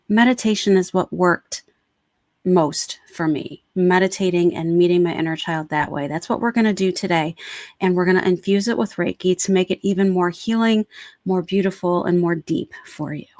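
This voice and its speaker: A woman's voice: medium pitch, dry recording. A woman talking informally and encouragingly as a Reiki practitioner, introducing a guided meditation on a livestream.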